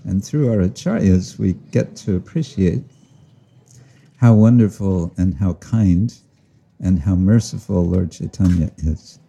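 A man giving a slow, reflective devotional talk outdoors to listeners, often chuckling and explaining Sanskrit and Bengali terms. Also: deep voice, vocal fry, dark tone, slightly rough. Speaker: spiritual teacher. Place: outdoors with listeners, sun overhead.

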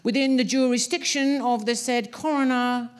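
A woman's voice: a little high, normal speed, smooth, pitched above the performer's own voice, natural voice. Woman doing a droning thin court official. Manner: droning monotone. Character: thin male court official reading in a monotone.

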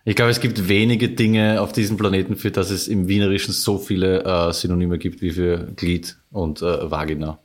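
Ein Mann mit Wiener Akzent, Co-Moderator eines Podcasts, plaudert locker und witzelnd in kräftigem Dialekt. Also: male voice, low-pitched, flat delivery, moderate pace, few pauses. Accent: Viennese. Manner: laid-back, joking, heavy dialect slang. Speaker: podcast co-host. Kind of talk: casual chat.

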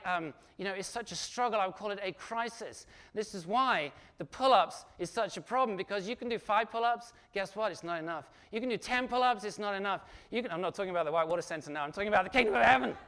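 A middle-aged pastor preaching a sermon in a conversational, animated way, full of asides and rhetorical questions. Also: male voice, sits high.

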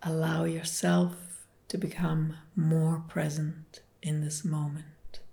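A woman leading a guided relaxation meditation, speaking softly and partly in whispers. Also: deep voice, little pitch movement, gravelly. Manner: soft, slow, soothing, partly whispered.

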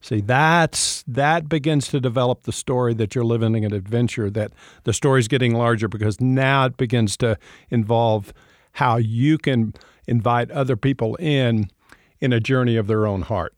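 During a reflective conversation about faith, a male podcast host offers his guest warm, ready affirmations and wanders into long, winding stories. His voice is mid-range with fairly even intonation and a moderate pace, recorded close and dry with no room sound.

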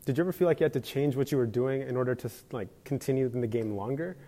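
A man's voice: mid-range voice, racing, warm tone. A man hosting a podcast, asking questions and agreeing with his guest in casual chat. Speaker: podcast host. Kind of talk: casual interview.

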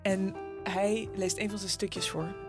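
A woman presenter reading a scripted podcast introduction in an even, measured manner. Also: mid-range voice. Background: soft guitar music.

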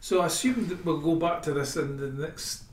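A man's voice: fairly high pitch, moderate pace. A man co-hosting a casual podcast, animatedly recounting a comic story with laughs. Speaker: podcast co-host. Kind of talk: casual chat. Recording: roomy and distant from the mic.

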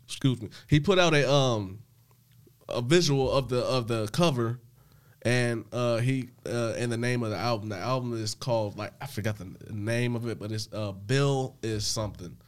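A man's voice: mid-range voice, moderate pace. A man co-hosting a casual podcast, telling news stories in a loose, rambling way, with lots of fillers and profanity. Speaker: podcast co-host. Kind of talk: casual chat.

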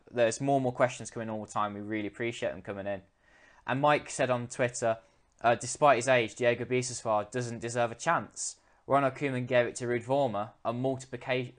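Podcast host reading listener questions. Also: male voice, mid-range voice. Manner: conversational, reads questions aloud with hesitant fillers. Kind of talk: casual podcast discussion.

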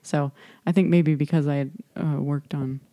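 Speaking at a moderate pace with a low, warm voice and fairly even intonation, a young American woman hosts a podcast. English is her first language, and her casual chat is hesitant and self-deprecating, broken up by frequent laughs.

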